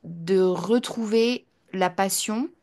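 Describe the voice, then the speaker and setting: A woman's voice: mid-range voice, slow pace, darkish tone. A young woman, a language teacher, talking casually to the camera. She hesitates often and switches between French and English, repeating her points in translation. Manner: chatty, with frequent hesitations and fillers. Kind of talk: casual personal talk to camera.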